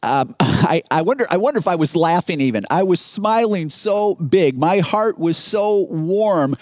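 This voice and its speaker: A man's voice: sits high, lively intonation, measured pace, a little mellow, no echo. A man preaching a sermon, emphatic and storytelling, often repeating his phrases. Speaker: pastor.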